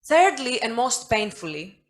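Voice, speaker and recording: A young woman giving a prepared speech as a conference panelist over a video call, brisk with wry asides. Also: fairly high pitch, big pitch swings, low-quality recording. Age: young adult.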